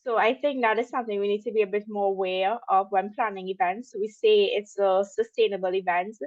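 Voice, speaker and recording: A young woman with a Trinidadian accent talks through a webinar presentation in a loose, conversational way, full of ums and small asides. Her voice sits at a middle pitch. The sound is dry and a little dull, like an online call. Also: fairly even intonation, a little fast, darkish tone, no room sound. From Trinidad and Tobago. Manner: chatty, with frequent ums and asides. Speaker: webinar speaker.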